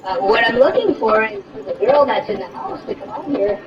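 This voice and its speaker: A man's voice: high-pitched, lively intonation, brisk, a crowd in the background. An older man heard through a doorbell camera, talking in a repetitive, rambling, insistent way. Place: outdoors at a front door. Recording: muffled distant doorbell camera audio with noise.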